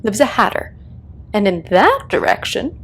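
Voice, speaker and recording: A sly storybook cat, as a woman reader puts it on, cheerfully mad and perfectly unbothered. It riddles in a teasing, matter-of-fact way, with very lively pitch and some gravel in the tone. A faint noise sits behind the voice. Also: moderate pace. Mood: coolly amused.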